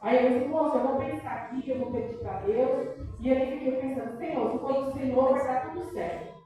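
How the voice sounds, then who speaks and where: A woman's voice: high voice, brisk, dark tone. A middle-aged woman with a Brazilian accent giving an emotional church testimony, breaking in often with praise and prayer. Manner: emotional, peppered with praise interjections. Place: church hall. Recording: very echoey church hall from far off.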